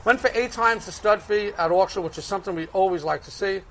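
A man with a Brooklyn accent works through race picks in a conversational way. His voice sits high for a man and has a strong, gravelly creak. He sounds like a handicapper explaining his reasoning. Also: fast, fairly bright tone, poor audio. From Brooklyn, United States. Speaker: horse racing handicapper.

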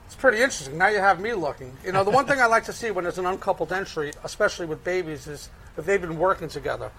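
A man's voice: high-pitched, expressive, rapid-fire, sharp tone, slightly rough, low-quality recording. A man with a Brooklyn accent giving conversational horse racing analysis and picks as a handicapper. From Brooklyn, United States.

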